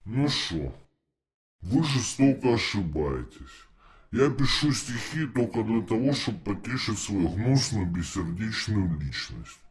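A man's voice: lowish voice, very animated. A man voicing a cruel, gloomy alien captain who writes poetry, with a grating voice. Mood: sneering. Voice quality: grating, slow and heavy.

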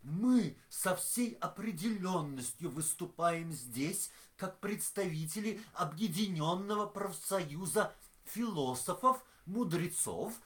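Woman acting as a pompous male philosopher, indignant, declamatory, low voice, lively swooping pitch, slow measured delivery, audio drama.

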